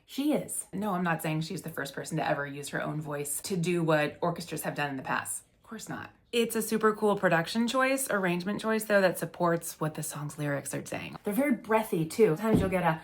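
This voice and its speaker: A middle-aged woman, a session musician, breaking down a song's production in a casual, enthusiastic explainer. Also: fairly low pitch. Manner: enthusiastic, conversational, demonstrates by singing short notes. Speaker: music theory video host.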